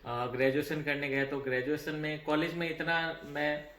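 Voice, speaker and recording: A man's voice: fairly high pitch, level tone, normal speed, fairly bright tone. A Rajasthani man chatting casually in a couple vlog, earnest and plain as he recalls things step by step. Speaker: vlogger, co-host with wife. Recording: echoey room, faint background noise.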